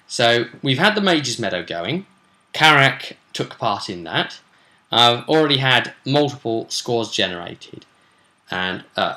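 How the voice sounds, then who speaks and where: A British-accented man acting as a game master recaps his sessions in a casual vlog. His voice is medium in pitch with a sharp tone, and he explains things in a rambling, colloquial, stop-start fashion.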